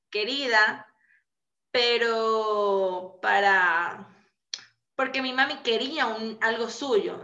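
A woman in her twenties telling her story in a casual podcast chat over a video call, animated and full of fillers. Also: fairly high pitch. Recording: echoey lo-fi call audio.

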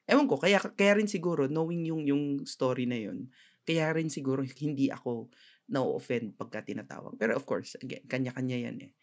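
A man's voice: medium pitch, moderate pace. A man co-hosting a casual podcast chat with a Filipino accent, explaining in an easygoing, rambling way. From Philippines. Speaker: podcast co-host.

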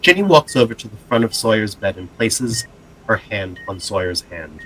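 A man's voice: on the low side, animated, moderate pace, fairly bright tone, a little hiss or hum, low-quality recording. A man delivering scripted dramatic narration for an audio drama, with music behind him. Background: background music.

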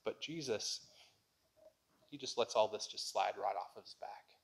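A man pastor preaching a sermon in a conversational way, rising to loud, impassioned lines when reading scripture and pleading. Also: fairly low pitch, measured pace, gravelly, husky.

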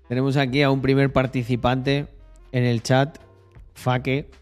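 A young man with a Spain Spanish accent talks loosely on a live stream, cracking jokes at his own expense. His voice sits at an ordinary middle pitch, and faint music plays behind him. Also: little pitch movement, slow. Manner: chatty, joking, laughs at himself. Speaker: streamer and podcast host. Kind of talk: casual live-stream chat.

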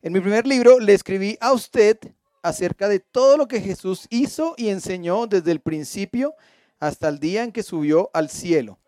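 A man's voice: high voice, normal speed, a little mellow, no room sound, clean studio sound. A man teaching a Bible study class. He reads the passage aloud, stops to explain it and often puts questions to his listeners, with playful asides. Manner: asks the audience frequent questions.

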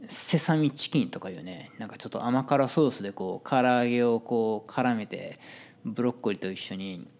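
A man's voice: medium pitch, moderate pace, a little mellow. A man with a Kansai Japanese accent telling a story in a casual, chatty monologue and acting out the voices of people he quotes.

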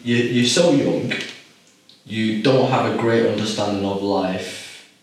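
A man in his twenties, originally from Iraq, tells his story in a low, measured voice, pausing often with ums as he gathers his thoughts. He sits well back from the microphone, and the room rings with strong echo. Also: slight background noise. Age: 20s. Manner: measured, reflective, pauses with ums. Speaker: podcast guest. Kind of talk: casual interview. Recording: echoey room, far from the mic.

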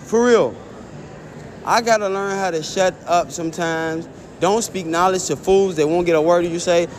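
Man, high-pitched, cussing and rambling, show host, faint traffic outside. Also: normal speed. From Chicago. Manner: profane, rambling storytelling. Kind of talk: casual monologue.

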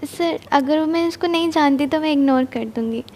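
A young woman with a high voice asks a speaker questions from the audience. She is polite and hesitant, fills her sentences with pauses, and addresses him as sir. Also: a little mellow, a little hiss or hum. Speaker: audience member asking questions. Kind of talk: live Q&A.

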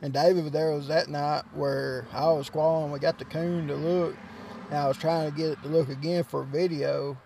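A man's voice: on the high side, steady tone, moderate pace, vocal fry, warm tone, slight background noise. A man chatting easily on a hunting podcast. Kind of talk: casual chat.

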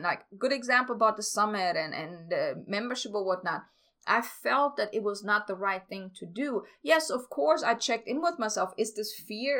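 A woman's voice: mid-range voice, a bit bright. A woman hosting a spiritual podcast, talking informally to listeners in an earnest, confiding and emphatic way. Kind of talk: informal personal talk to listeners.

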